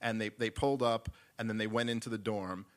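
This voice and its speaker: A man doing stand-up, telling a rambling story with animated, mock-exasperated delivery. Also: on the low side, a little fast. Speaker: comedian.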